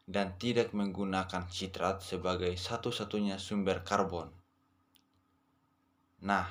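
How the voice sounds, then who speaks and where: A young man with a deep voice reads through a student presentation. His delivery is flat and monotone, steady and methodical, and he sometimes stops to correct a word. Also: slight background noise. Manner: steady reading with occasional self-corrections. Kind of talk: reading a class presentation.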